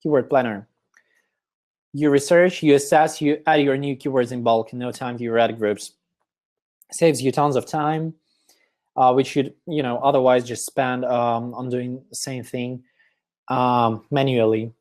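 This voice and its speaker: A man presenting an online webinar, explaining step by step with many fillers, his voice getting hoarse. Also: medium pitch, steady tone, measured pace, a little mellow. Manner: explanatory, step-by-step, with frequent fillers and throat clearing.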